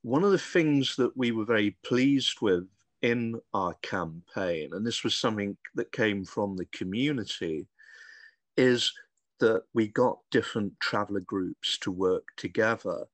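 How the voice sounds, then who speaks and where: A male academic answering a question on a video call webinar, speaking briskly and fluently. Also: on the low side, dry recording. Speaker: academic panelist.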